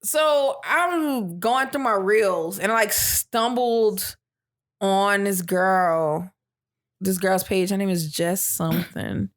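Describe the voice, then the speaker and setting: A woman's voice: medium pitch, slow. Woman co-host with a mid-range voice; easygoing, teasing banter. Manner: teasing, laughs often. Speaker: podcast co-host. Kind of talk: casual chat.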